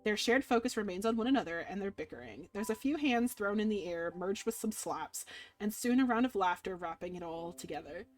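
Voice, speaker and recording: During a video game playthrough, this woman streamer reads visual novel narration aloud in a brisk, expressive, medium-pitched voice, gushing about the characters. Game music plays under her voice.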